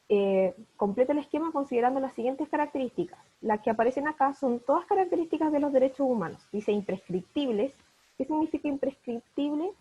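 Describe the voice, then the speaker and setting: A woman's voice: high-pitched, mellow, husky, muffled recording. Woman teacher on a video call. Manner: patient, explains each word step by step. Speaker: primary school teacher. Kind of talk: online class explanation.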